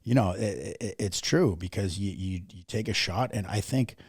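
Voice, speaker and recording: A man with a low, husky voice talks with blunt, swear-laden candor, getting worked up as he tells his story. His voice is recorded dry and close in a studio. He sounds like a guest opening up on a podcast. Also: normal speed, dry recording. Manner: profane, blunt and animated. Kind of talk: candid conversational storytelling.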